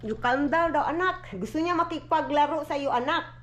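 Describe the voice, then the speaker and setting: A woman's voice: high voice, normal speed, fairly bright tone, a little hiss or hum. A woman with a Filipino accent, chatting casually to her viewers at home and cooing at a small child. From Philippines. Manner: chatty, calls viewers "Day", coos baby talk. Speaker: family vlogger. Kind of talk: casual vlog chat. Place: home, indoors.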